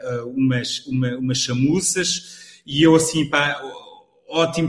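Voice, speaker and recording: A man's voice: mid-range voice, reverberant. A man with a European Portuguese accent hosting a live podcast, talking in a rambling way with many restarts. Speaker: host.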